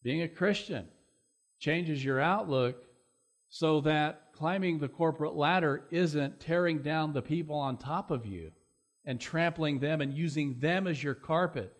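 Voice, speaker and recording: A man preaching a sermon, earnest and plain-spoken, with fillers, who swells louder and higher to stress points. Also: a little slow. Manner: earnest, loud rising emphasis with many fillers.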